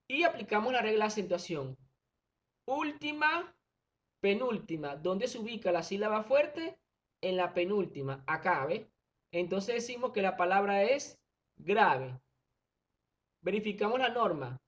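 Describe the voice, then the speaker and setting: A male primary school teacher giving a recorded online grammar lesson, explaining patiently step by step and often checking that students follow. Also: high voice. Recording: dull lo-fi recording.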